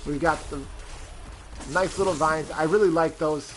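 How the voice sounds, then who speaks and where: A man's voice: on the high side, steady tone, normal speed, a bit bright, a little hiss or hum. Rambling male game streamer. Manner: rambling, many fillers, greets chat viewers. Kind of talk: casual live-stream commentary.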